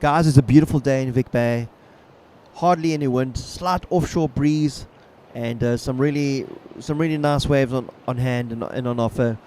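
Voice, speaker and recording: A man giving casual, laid-back live commentary as a surf contest announcer, unhurried and chatty. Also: medium pitch, a little mellow. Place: outdoors at a surf beach. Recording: outdoor ambience with clear background noise.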